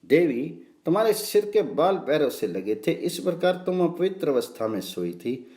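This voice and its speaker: A man's voice: fairly high pitch, sing-song, normal speed, warm tone. A man reading the lines of the god Indra as a deferential son, in earnest recitation. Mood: apologetic. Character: king of gods Indra, respectful son.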